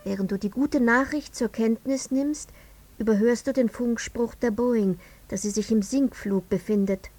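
An actress playing a relentless narrator who questions in measured, accusing second-person lines, in a radio drama. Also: female voice, on the high side, darkish tone, lightly acted. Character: woman narrator-interrogator, cool and relentless.

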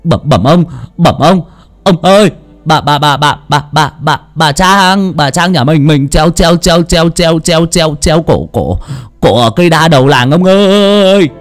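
A man voicing a panicked young male servant in an audio story, stammering frantically and loudly. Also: on the high side, lively intonation, measured pace, soft background music, voice pushed up.

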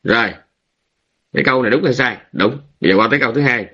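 Monk, muffled lo-fi audio. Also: male voice, medium pitch, sharp tone, husky. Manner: drawn-out phrases with many hesitant fillers; rhetorical questions to listeners. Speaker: Buddhist monk teacher. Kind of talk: Buddhist dharma talk. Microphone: online room.

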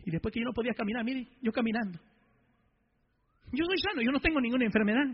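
Fervent high-voiced male preacher. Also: animated, fast talker, slightly rough, dull audio. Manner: fervent, swings between shouting and hushed tones. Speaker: preacher giving testimony. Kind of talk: impassioned sermon testimony.

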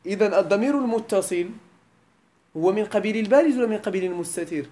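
A woman's voice: mid-range voice, quick pace, dark tone. A woman with a Moroccan Arabic accent teaching a classroom grammar lesson, often quizzing her students with questions.

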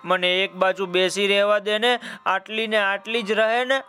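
Little storybook rabbit, sweet and polite, high voice done by a man. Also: flat delivery, normal speed, sharp tone, faint music behind. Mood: asking sweetly. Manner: sweet, asking nicely.

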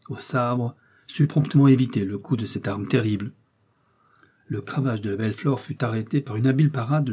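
A man narrating an old adventure novel in a steady, measured audiobook reading. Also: mid-range voice, slightly rough.

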